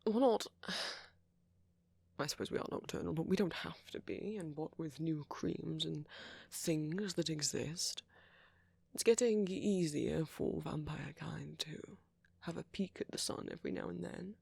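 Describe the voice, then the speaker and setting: Fully committed to the part, a man portrays an ancient vampire who is friendly and flirtatious, his breathy near-whisper carrying soft, teasing, courtly phrasing in an intimate ASMR roleplay. His voice runs a little high at a measured pace, with no room sound at all.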